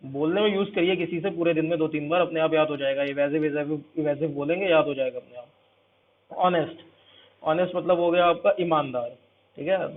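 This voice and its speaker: Tinny-sounding male vocabulary teacher. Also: on the high side. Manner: explains step by step, repeats each word and its meaning. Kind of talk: exam-prep vocabulary lecture.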